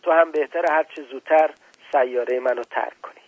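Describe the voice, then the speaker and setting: A man's voice: fairly high pitch, breathy edge, no room sound, narrow, tinny audio. A man voicing a proud, condescending old scientist in a storybook reading. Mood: lecturing. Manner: lecturing, condescending. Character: old male scientist, proud, dismissive and impatient.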